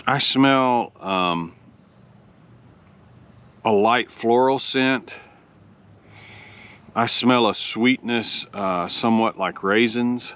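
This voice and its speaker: A man from Oklahoma hosting a casual review, explaining things in a measured, deliberate way. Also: mid-range voice, fairly bright tone, clean tone. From Oklahoma, United States. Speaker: pipe tobacco review host.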